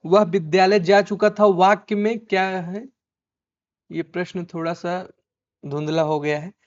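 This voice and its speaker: High, smooth-voiced Hindi teacher, man. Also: darkish tone. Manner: repeats his own questions back as drill. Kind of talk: exam answer key walkthrough. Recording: dull lo-fi recording.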